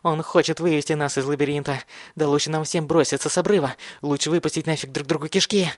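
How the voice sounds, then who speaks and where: A man's voice: fairly high pitch, steady tone, quick pace, dry recording, clean studio sound, pitched above the performer's own voice, natural voice. A man voicing a deranged, menacing teenage boy who shrieks frantic threats. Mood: feverish.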